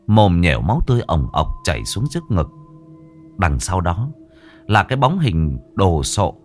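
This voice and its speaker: A man narrating a horror story dramatically, lingering on grim details. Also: low-pitched.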